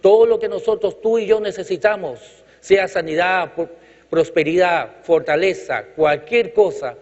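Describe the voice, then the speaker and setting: Sitting high yet darkish in tone, the voice of a male Chilean preacher moves unhurriedly through a sermon full of emphatic, rhythmic repetition and light jokes, with the congregation calling out. The church hall recording is reverberant and dull, lo-fi.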